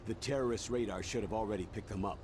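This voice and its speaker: A man plays a video game colonel. He briefs with earnest military authority in a fairly low voice. The background is clearly noisy. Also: fast, natural voice. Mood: grave, businesslike.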